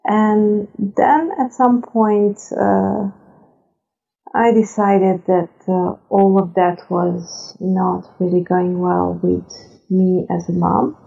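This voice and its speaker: A woman, a chef guest on a podcast, answering in a measured way with many hesitations. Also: mid-range voice, little pitch movement, vocal fry, dark tone. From Serbia. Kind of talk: interview answers. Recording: tinny phone-like line.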